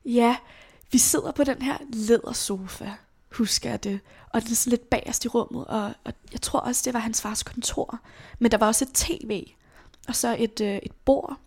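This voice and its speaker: A young woman telling a personal story as an interview guest, in a casual, halting way with many fillers and casual swearing. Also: a little high, steady tone, darkish tone, slightly rough. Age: young adult.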